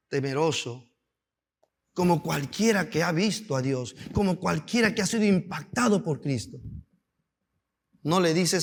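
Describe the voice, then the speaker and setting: A male pastor preaching a sermon to his congregation, asking them rhetorical questions and building up to fervent, shouted climaxes. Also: high-pitched. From Peru.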